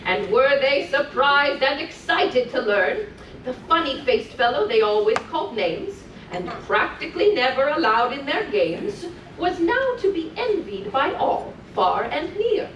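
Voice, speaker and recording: In full character as a cheerful, grandmotherly Mrs. Claus, a woman reads rhymed picture books live to children in an indoor room on a cruise ship, chatting between verses in a bright, gently encouraging storytelling mood. Her high, sing-song voice swings widely in pitch at an unhurried pace. Captured on a distant mic, the audio has roomy echo, faint noise, and clipped highs.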